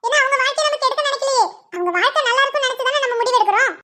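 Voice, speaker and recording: A woman's voice: very high-pitched, bright, forceful tone, slight background noise. A woman voicing a stubborn, bossy elderly grandmother in a cartoon, insisting she knows best. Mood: insistent. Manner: insistent, quick, sure of herself. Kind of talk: cartoon voice acting.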